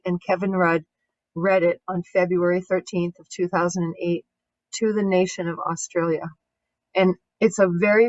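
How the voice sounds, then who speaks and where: A woman coach leading an online grief course, calmly guiding breathing and reading passages aloud over a video call. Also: on the low side, muffled recording.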